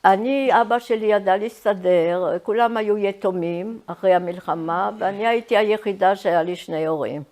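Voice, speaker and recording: Elderly woman recounting her life haltingly. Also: medium pitch, darkish tone. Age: 80s. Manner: halting, searching for words. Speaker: Holocaust survivor giving testimony. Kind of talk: personal reminiscence, storytelling.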